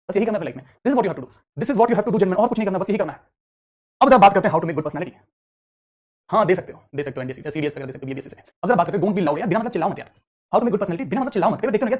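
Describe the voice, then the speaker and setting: A man's voice: high-pitched, a little mellow. A man teaching an online class, talking conversationally and mixing Hindi with English, addressing students like a big brother.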